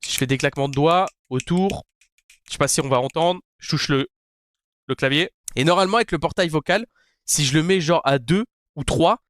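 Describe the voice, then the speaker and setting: Rapid, foul-mouthed man rambling through a gear review on a headset mic. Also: a little high, no room sound, studio quality. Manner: crude, joking, rambling. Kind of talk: casual product review. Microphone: gaming headset mic.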